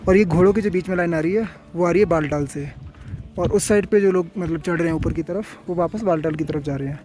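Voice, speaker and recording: A travel vlogger hiking a mountain trail talks fast in a slightly high, somewhat mellow voice. He's running a fever and tired from climbing, but keeps up casual narration and friendly advice for his viewers.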